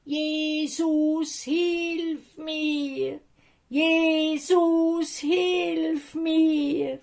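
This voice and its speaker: A woman's voice: high-pitched, steady tone, drawn-out words, voice pushed up, full character voice. A woman doing a desperate blind beggar, Swiss German. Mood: pleading shout.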